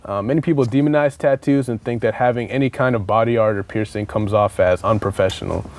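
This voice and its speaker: A young man hosting a college TV panel in a studio, asking questions in a relaxed, casual way. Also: fairly low pitch, fast talker. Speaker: host. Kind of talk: moderating a panel discussion.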